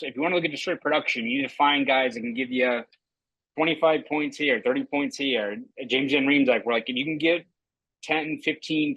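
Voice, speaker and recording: A man's voice: mid-range voice, sharp tone, dry recording, low-quality recording. A young man with a Boston accent co-hosting a casual sports podcast, laying out his points at length and checking in with "right?". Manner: talkative, builds points with asides and "right?". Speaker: podcast co-host.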